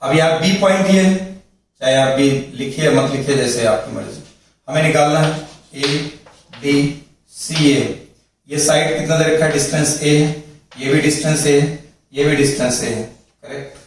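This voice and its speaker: A man teaches physics in a classroom lecture, working through a problem step by step and pausing to check that the class follows. His voice sits a little high. He is recorded from a distance in a strongly echoing room with faint background noise. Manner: explains step by step, repeats points, checks with "thik hai". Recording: very echoey room, mic far off.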